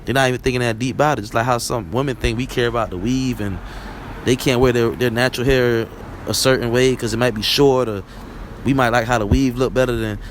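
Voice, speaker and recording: This vlog host is a young man with a Barbadian accent, talking on his own in a rambling, casual way and regularly asking "you know what I'm saying?". His medium-pitched voice is steady and fast, with a little hiss or hum in the recording.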